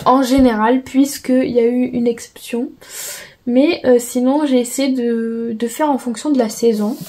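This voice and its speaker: A woman's voice: fairly high pitch, warm tone, slight background noise, rough recording. A woman from France chatting casually about her finished coloring pages, hesitant with many fillers and self-corrections. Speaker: coloring book vlogger. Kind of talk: casual show-and-tell chat.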